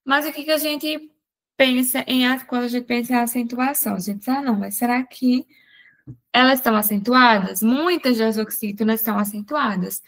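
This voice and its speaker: A woman teaching an exam-prep grammar lesson, explaining step by step and asking herself quick rhetorical questions. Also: a little high. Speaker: Portuguese teacher.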